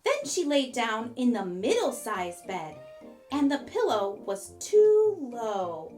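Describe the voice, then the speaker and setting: A woman narrating a children's fairy tale from a script, with expressive storybook emphasis. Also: a little high, takes it slowly, faint music behind.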